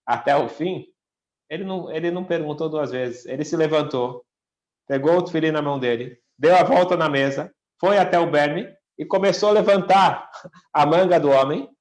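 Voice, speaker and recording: A man's voice: a little high, moderate pace. A rabbi telling a story in a talk, raising his voice for the quoted lines. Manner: acts out the quoted lines with a lifted voice. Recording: echoey room.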